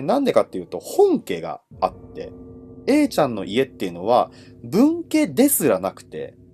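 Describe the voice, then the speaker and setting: A man telling ghost stories as a livestream host in casual, conversational speech, with dramatic pauses and phrase endings that trail off. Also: mid-range voice, warm tone. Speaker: horror storyteller and host.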